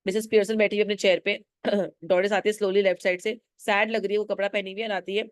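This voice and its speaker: A woman's voice: mid-range voice, level tone, fast talker, no room sound, clean studio sound. A woman teacher giving a classroom lecture, explaining a play line by line in a mix of Hindi and English and quizzing her students. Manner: mixes Hindi and English, asks students questions, acts out lines.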